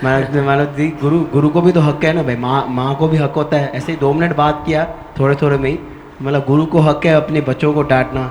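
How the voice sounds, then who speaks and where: A man's voice: a little high, steady tone, brisk, a little mellow. A man, a devotee, casually telling a story about a conversation. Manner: chatty, acts out others' voices. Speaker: devotee and helper. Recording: echoey room, faint noise.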